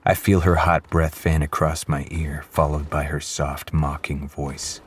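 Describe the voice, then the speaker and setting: A man narrating a first-person audiobook with low, restrained menace. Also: flat delivery, measured pace, breathy edge.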